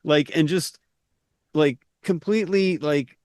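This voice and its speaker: A man's voice: on the high side, takes it slowly, no echo, clean studio sound. Rambling man recapping a movie. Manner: rambling, lots of "like" and restarts, animated retelling. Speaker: podcast co-host. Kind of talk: casual film discussion.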